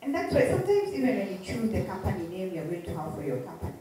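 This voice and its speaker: A woman's voice: medium pitch, big pitch swings, fast, warm tone. Echoey Kenyan woman with a Kikuyu accent. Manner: emphatic, repeats phrases, asks rhetorical questions. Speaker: interview guest, entrepreneur. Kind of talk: animated motivational interview talk. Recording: very echoey room, distant mic, faint noise.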